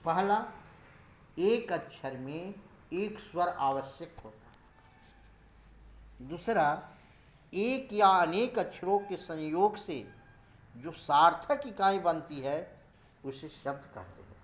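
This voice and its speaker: A man teaching a Hindi grammar lesson, explaining slowly and spelling out letters and example words one by one. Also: high-pitched, lively intonation.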